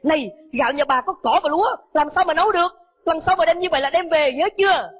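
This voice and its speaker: A man telling a moral story, voicing a scornful older male school cook who shouts and scolds. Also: very high-pitched, fast, pitched above the performer's own voice. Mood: angry shouting. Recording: dull lo-fi with background music.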